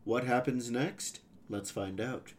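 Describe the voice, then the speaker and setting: Male narrator for a fantasy serial; steady, even first-person storytelling. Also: medium pitch, slow pace, a little hiss or hum.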